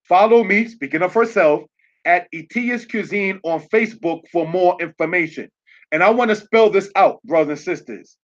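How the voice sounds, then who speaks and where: A man with a high voice, speaking at a moderate pace, teaches a religious lesson online over slides. He spells words out letter by letter and keeps checking in with "all right?", and the lo-fi audio sounds dull.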